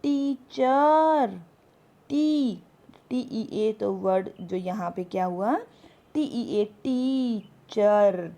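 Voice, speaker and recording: Slow, gravelly-voiced woman teacher. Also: medium pitch, lively intonation, mellow. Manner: slow, explanatory, reads English tips aloud. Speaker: English teacher. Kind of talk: spoken English lesson in Hindi.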